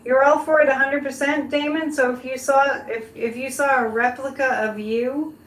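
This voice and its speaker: Female live-stream host, fairly high pitch, informal direct-to-viewer chat, very roomy sound. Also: fairly even intonation, normal speed, fairly bright tone. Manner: conversational, addresses listeners directly. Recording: roomy echo, background noise.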